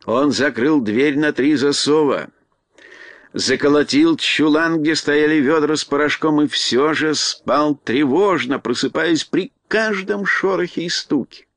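A man reading a children's storybook aloud in expressive scripted narration. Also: on the high side, dry recording. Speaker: audiobook narrator.

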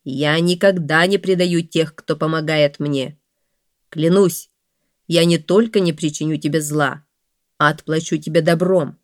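A proud lion, king of the forest, speaking firm and loud with solemn promises, as a woman narrator puts him on. The voice is dry and close-miked. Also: low voice, steady tone, measured pace, no room sound.

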